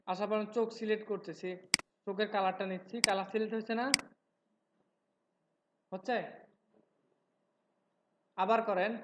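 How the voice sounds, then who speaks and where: Bangladeshi guy teaching a class, talks fast and keeps checking in, bit muffled with faint hiss. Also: sits high. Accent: Bangladeshi Bengali with regional traces. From Bangladesh, from Noakhali. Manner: fast-talking, chatty, checks in with students. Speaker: software instructor. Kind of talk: live class tutorial. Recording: roomy, dull lo-fi sound with faint noise.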